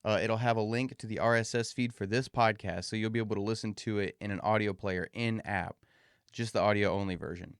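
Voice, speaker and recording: A man with a fairly deep, resonant voice hosts a podcast on his own. He talks casually and folksily straight to his listeners, with a slightly muffled edge from a swollen mouth. The recording is dry and close. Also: fairly even intonation, brisk, smooth, dry recording. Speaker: podcast host.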